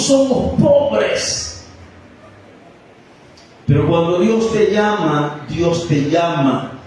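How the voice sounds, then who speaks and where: A man's voice: on the high side, a little mellow, slight background noise. A man pastor preaching a sermon, talking conversationally with many rhetorical questions and personal stories. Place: church hall. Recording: echoey church PA from far off.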